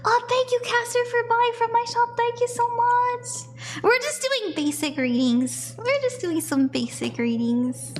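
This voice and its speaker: With a very high-pitched voice, a young woman from the American South chats away to viewers as she reads palms live, sounding bubbly and laughing often.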